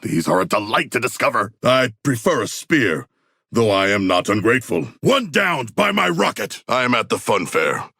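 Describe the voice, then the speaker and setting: An actor playing a huge, proud, bookish male shark warrior in a video game, speaking in formal, stilted, literal-minded phrases with a gravelly, husky voice. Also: medium pitch, big pitch swings, moderate pace, bright, forceful tone, no echo, clean studio sound, heavily acted. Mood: fierce, booming. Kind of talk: video game character voice lines.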